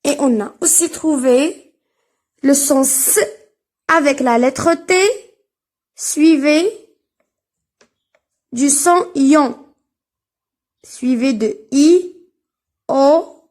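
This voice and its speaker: A woman teaching a reading lesson, speaking slowly and spelling out sounds and syllables one at a time with careful enunciation. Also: high voice, a little mellow.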